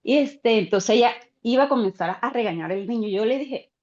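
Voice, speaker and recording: A woman teacher tells a story from her classroom in a bright, fairly high voice, jumping into the voices of the people she quotes. Her sound comes through dull and lo-fi, like audio from a video call. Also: brisk. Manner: animated, acts out quoted voices. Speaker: teacher sharing an experience in a class.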